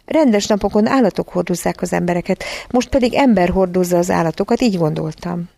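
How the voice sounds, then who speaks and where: A woman's voice: on the low side, gravelly, dark tone, dry recording. A woman voicing a polite, earnest young girl in a storybook reading. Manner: earnest, explaining.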